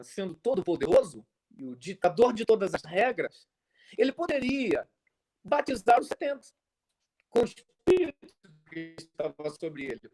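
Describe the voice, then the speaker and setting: Animated Brazilian pastor, high voice. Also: male voice. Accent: Brazilian Portuguese. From Brazil, Minas Gerais. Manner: animated preacher, tells stories, acts out dialogue. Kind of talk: sermon-style talk to pastors. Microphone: video call.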